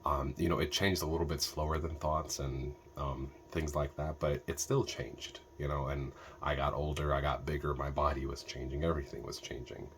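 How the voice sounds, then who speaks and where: A man's voice: extremely low pitch, level tone, moderate pace, few pauses, a little hiss or hum. A man from Ethiopia giving a reflective meditation talk, thoughtful and hesitant, with many fillers and restarts. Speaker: meditation teacher.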